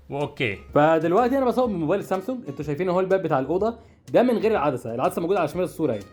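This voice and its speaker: A young man with an Egyptian Arabic accent rattles through a casual unboxing at a very fast clip. His voice sits a little high for a man, with a chatty, jokey, puzzled manner, and faint music plays underneath. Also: a bit bright. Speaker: product-review vlogger.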